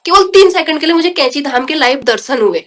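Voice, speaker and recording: A woman's voice: sits high, lively intonation, quick pace, a bit bright. A woman guest earnestly recounting a personal devotional experience in an interview, often turning to the host as she tells it. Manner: earnest, emotional storytelling, often addressing the host as brother. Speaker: podcast guest.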